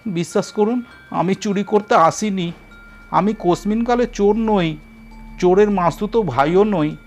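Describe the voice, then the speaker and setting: A man's voice: high voice, a little slow, faint music behind, voice pushed up. A man voicing a timid, newly dead male ghost who whines and pleads tearfully.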